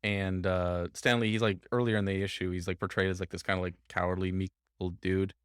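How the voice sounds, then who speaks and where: A man co-hosting a casual podcast, chatting about old comics in a relaxed way with fillers. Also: low voice, fairly quick, clear, resonant tone, dry recording, studio quality. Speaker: podcast co-host.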